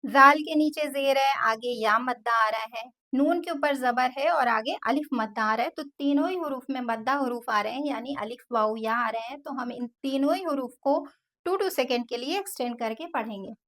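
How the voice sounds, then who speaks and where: This Quran recitation teacher has a high-pitched, fairly bright voice and speaks at normal speed. She works through a slow tajweed lesson, spelling each letter before stretching out the long vowels.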